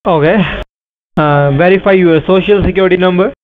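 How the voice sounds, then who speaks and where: On a tinny phone line, a scam caller pretending to be an officer speaks in a high-pitched male voice at a normal speed. He sounds insistent and formal, going over his instructions again and again.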